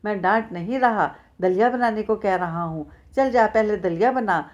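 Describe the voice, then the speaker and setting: Brief: curt, loud young husband, read by a woman narrator, audiobook. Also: medium pitch, moderate pace, muffled recording, lightly acted. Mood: scolding. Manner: brusque, scolding. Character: stern young village man, doctoring his wife.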